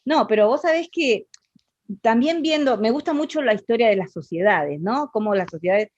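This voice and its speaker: A woman's voice: fairly high pitch, animated, moderate pace, dry recording, lo-fi sound. An Argentine woman with an Argentine Spanish accent, talking expressively in a casual interview, with many fillers and restarts.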